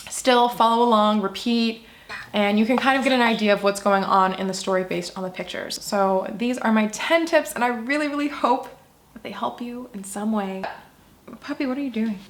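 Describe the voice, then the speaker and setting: A woman's voice: fairly high pitch, animated, moderate pace. A young adult woman on a casual vlog, giving upbeat, encouraging advice to language learners in a chatty way.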